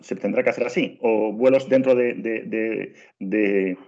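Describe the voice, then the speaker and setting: Low-ish and darkish in tone, at a measured pace, this middle-aged man from Spain speaks with a Spanish accent while training people on train travel in a webinar over video call. He presses his points insistently and keeps restarting, all in dull, lo-fi call audio.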